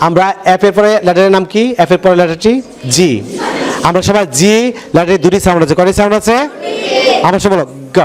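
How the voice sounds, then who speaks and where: A man's voice: high-pitched, fairly even intonation, a little fast. A man with a Bangladeshi accent teaching English pronunciation, drilling words for a class to repeat back and quizzing them as he goes. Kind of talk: call-and-response classroom drill. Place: classroom with students. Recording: loud crowd and noise. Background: class chanting along.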